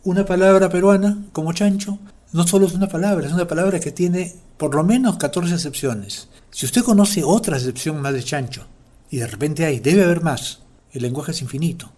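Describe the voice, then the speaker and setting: A man's voice: on the high side, fairly quick, darkish tone. A man with a Peruvian Spanish accent hosting a language segment and explaining words in a playful way. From Peru. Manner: playful, acts out everyday quotes. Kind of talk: explanatory talk.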